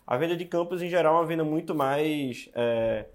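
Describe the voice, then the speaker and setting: A man's voice: a little high, a little fast. A man with a Brazilian Portuguese accent in a casual podcast discussion. He speaks firmly and directly, explaining his points.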